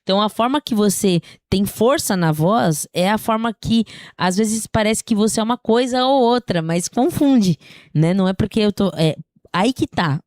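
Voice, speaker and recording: In clean, echo-free studio sound, a woman singing teacher speaks at normal speed in a medium-pitched, slightly mellow voice. Her throat is a little sore as she gives a casual, chatty spoken lesson, frequently checking in with listeners.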